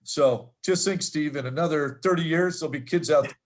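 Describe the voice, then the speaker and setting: A man's voice: fairly high pitch, a little fast. A man in his fifties co-hosting a podcast, musing aloud in a reflective, chatty way. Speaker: podcast co-host. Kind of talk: casual chat.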